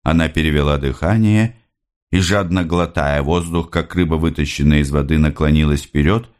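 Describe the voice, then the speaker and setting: A man narrating a literary audiobook in a measured, expressive storytelling manner. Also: rumbling low, clear, resonant tone.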